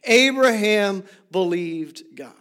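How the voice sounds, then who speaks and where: High-voiced male pastor preaching. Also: lively intonation, slow pace. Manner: preaching with rising emphasis, then dropping to soft, near-whispered asides. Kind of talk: sermon.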